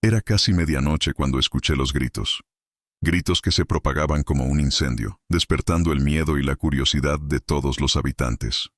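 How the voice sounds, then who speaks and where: A man narrating a horror story in a dramatic, measured storytelling manner. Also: extremely low pitch, fairly bright tone, no echo, studio quality.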